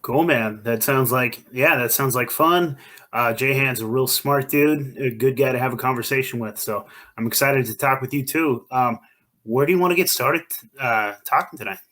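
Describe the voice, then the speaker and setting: A man hosts a casual podcast in an easy, friendly way, casually calling his guest man and dude. His voice sits at an ordinary middle pitch. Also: moderate pace, bright, forceful tone. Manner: laid-back and friendly, calls people man and dude. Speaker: podcast host.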